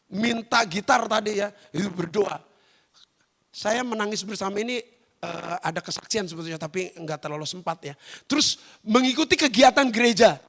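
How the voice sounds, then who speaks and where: Male pastor, middle-aged, sermon, very high voice, bright tone, husky edge. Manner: animated, acts out family scenes; often addresses the congregation directly. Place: church service.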